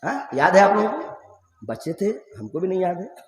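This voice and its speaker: Through a PA in a reverberant hall, a high-pitched preacher from eastern Uttar Pradesh, India, with a Bhojpuri-influenced Hindi accent delivers an emotional sermon to a mosque gathering. Speaking fairly quickly with huge pitch swings, he tells stories and puts questions to the audience.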